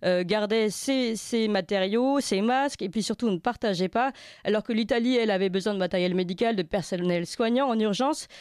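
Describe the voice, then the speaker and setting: A woman's voice: medium pitch, fairly quick, darkish tone, smooth, no room sound, studio quality. A woman hosting a radio talk show, introducing a guest and setting up the topic with emphatic stresses on key words. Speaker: radio host. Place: radio studio.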